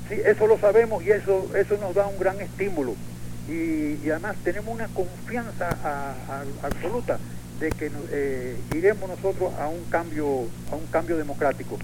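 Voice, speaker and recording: An older Cuban man speaks with a Cuban Spanish accent, his voice a little high for a man. He talks haltingly, full of fillers and restarts, as a guest in a radio interview from inside Cuba. A steady hiss of noise sits under the line.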